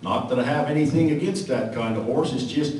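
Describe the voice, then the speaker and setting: A man's voice: mid-range voice, fairly quick, a little mellow. A man with a Western American cowboy twang reciting cowboy poetry to a live audience in a folksy, drawling way with dry humor. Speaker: cowboy poet. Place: large echoey room with a live audience. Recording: echoey hall from far off, faint noise.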